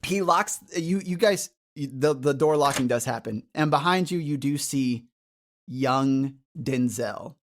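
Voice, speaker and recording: A man narrating a tabletop game as game master, describing scenes in a halting, deliberate way. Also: mid-range voice.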